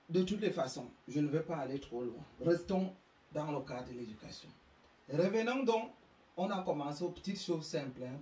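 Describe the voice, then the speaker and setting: A woman's voice: fairly low pitch, a little mellow. A woman from Africa lecturing parents in an emphatic, reproachful way, tripping over and repeating words as she hunts for the right one. She sits well back from the microphone, and her voice rings around an echoey room. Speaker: speaker on parenting. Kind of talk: public talk to parents. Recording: echoey room, distant mic.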